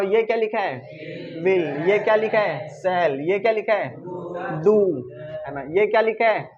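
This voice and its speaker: A male teacher running a reading drill for his class, quizzing them with repeated call-and-response questions and coaxing and teasing them to answer louder. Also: high voice. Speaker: English teacher. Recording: slightly dull lo-fi recording.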